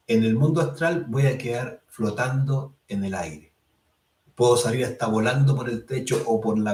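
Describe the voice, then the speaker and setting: A man teaching a lesson on meditation, calm and explanatory, who checks in often with his listeners and draws out chant syllables slowly. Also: medium pitch. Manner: calm and explanatory, tags phrases with "¿cierto?". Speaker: spiritual course instructor. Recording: roomy sound, mic at a distance.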